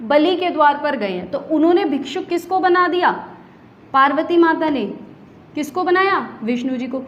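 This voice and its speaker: A woman's voice: high voice, echoey room, lo-fi sound. A woman teacher giving an exam-prep grammar lesson. She explains each point step by step, asks rhetorical questions and answers them herself, and keeps saying "okay" as she moves between points. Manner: repeats "okay" to pace points.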